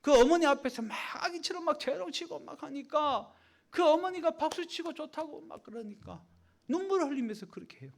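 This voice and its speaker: A man, the senior pastor, preaching a Sunday sermon. He swings between loud exhortation and soft, hushed asides, and acts out prayers and quoted voices. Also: very high-pitched, animated, brisk, gravelly.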